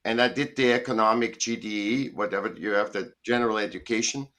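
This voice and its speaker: He's a middle-aged Austrian guest artist talking over a video call from home in Southern California, in a casual interview. His fairly low voice stays steady and fairly bright, going a little fast, and he rambles with emphasis, often correcting himself.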